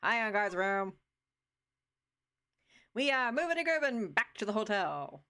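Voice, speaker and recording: A woman's voice: mid-range voice, big pitch swings, unhurried, sharp tone. A woman voicing a game's story in a hammy old-time radio announcer style while playing it. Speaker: let's play streamer.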